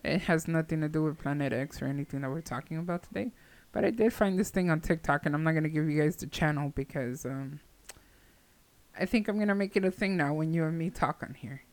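A female co-host talks bluntly on a casual podcast, with a sarcastic edge and free cursing. Her voice sits somewhat low for a woman. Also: fast, a little mellow. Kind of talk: casual chat.

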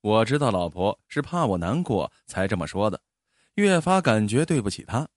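A man narrating a first-person story in an expressive, storytelling manner. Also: fairly low pitch, normal speed, no echo, studio quality.

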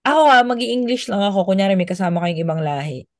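A woman's voice: medium pitch, lively intonation, fast talker, dry recording, clean studio sound. A Filipino woman, a podcast guest, chatting casually and thinking aloud as she recalls details. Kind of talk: casual chat.

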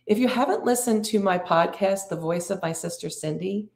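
A middle-aged woman hosting an inspirational talk, speaking in slow, drawn-out, reflective phrases and inviting the listener to breathe. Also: medium pitch, creaky, reverberant. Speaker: podcast host and spiritual coach.

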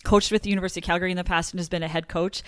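A woman's voice: lowish voice, steady tone, rapid-fire, clear, resonant tone, no echo. A woman in her thirties from Canada, talking animatedly as an interview guest with frequent laughs and fillers. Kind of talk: conversational interview.

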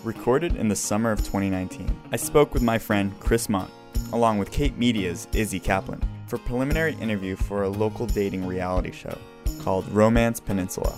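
A man with a lowish voice reads a scripted show introduction as host, steady and measured. Clear music plays beneath his narration. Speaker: host and documentary maker.

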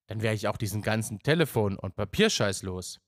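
A man's voice: lowish voice, expressive, brisk, no room sound, studio quality. A man reading a first-person story aloud in a plain, matter-of-fact way. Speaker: narrator.

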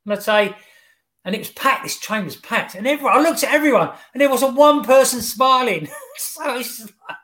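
High-voiced jokey English man. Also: expressive, pushed and bright. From England. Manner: jokey storyteller, laughs often, halting restarts. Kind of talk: casual podcast chat.

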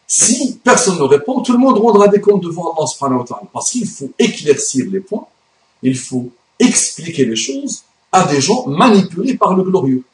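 With a very animated delivery at a moderate pace, a high-voiced man whose first language is Arabic rails about religion on his channel. He is emphatic and indignant, and his commentary echoes around the room.

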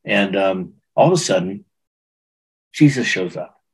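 A middle-aged man with a very low, heavily husky voice tells his story in an interview. He speaks earnestly and with feeling, circling back and restarting phrases as he goes. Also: lively intonation, a little slow, rough recording. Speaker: guest. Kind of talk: personal testimony in conversation.

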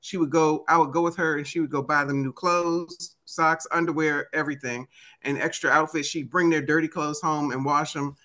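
A woman's voice: sits low, fairly even intonation, normal speed, fairly bright tone. A woman in her fifties with a Washington DC accent, telling personal stories conversationally as an interview guest and voicing remembered dialogue. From United States, Washington DC area. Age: 50s. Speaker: interview guest, author and motivational speaker. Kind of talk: animated conversational storytelling.

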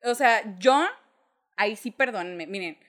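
A young woman with a Mexican accent, chatting casually in animated, swear-filled slang. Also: mid-range voice, a little slow. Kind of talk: casual chat.

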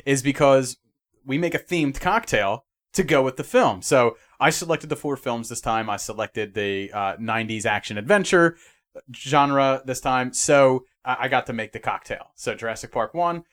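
A man's voice: medium pitch, moderate pace. A man hosting a casual movie podcast, joking and laughing often as he talks. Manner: animated, laughs often, jokey. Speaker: podcast host. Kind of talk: casual chat.

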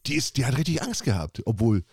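A man talks quickly in a casual comedy podcast, rambling and giggling and tripping over repeated words. His voice sits in the middle of the range. He is recorded on a close mic in a dry room. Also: mid-range voice, sing-song, a little mellow, breathy edge, dry recording. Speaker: podcast co-host.

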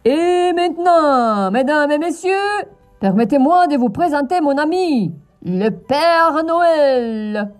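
A woman's voice: sits high, expressive, slow, soft background music. A woman voicing a male circus clown who announces like a ringmaster, in a children's storybook. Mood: grand.

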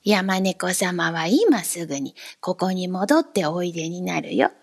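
A woman's voice: fairly low pitch, lively intonation, a little slow, husky, voice pushed down, heavily acted. A woman voicing an odd little goat-legged coachman who talks in country dialect and is wheedling and easily hurt. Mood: sly rustic.

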